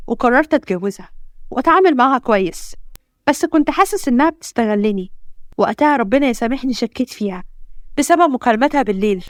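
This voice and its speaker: A patient, tender young husband speaking Egyptian Arabic in an earnest, soft way, as a woman reading the story puts him on. His lines come quick and high-pitched, with a dry, close sound. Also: no room sound, close to an everyday voice.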